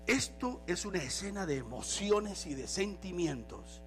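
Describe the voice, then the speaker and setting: A male pastor preaching a sermon in an animated way, slipping in English phrases now and then. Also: high-pitched, unhurried, soft background music.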